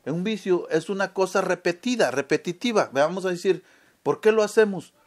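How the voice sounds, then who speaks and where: Preacher with a higher voice. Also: male voice, lively intonation, normal speed. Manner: keeps asking the audience "¿verdad?"; asks questions and answers them himself. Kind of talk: sermon.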